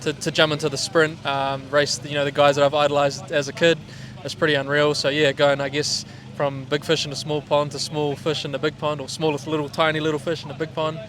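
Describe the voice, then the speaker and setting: A man's voice: fairly high pitch, flat delivery, a little fast, hardly any pauses, fairly bright tone. A man with a broad Kiwi accent chatting casually and in a laid-back, slangy way as a driver being interviewed. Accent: New Zealand. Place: outdoors at a speedway. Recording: outdoor trackside with vehicle noise.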